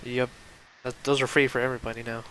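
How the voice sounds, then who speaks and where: A man's voice: medium pitch, little pitch movement, fast, noisy background. A young man hosting a casual gaming talk stream, chatting loosely with lots of fillers and restarts. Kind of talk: casual live-stream chat.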